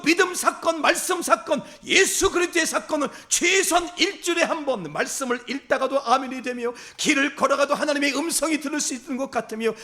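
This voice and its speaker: A male pastor with a strikingly high voice delivers a fervent Sunday sermon. His pitch swings widely as he builds emphasis through repeated phrases. He calls out directly to the congregation. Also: pushed and bright. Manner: impassioned, repetitive exhortation with rising emphasis; addresses the congregation directly as "everyone".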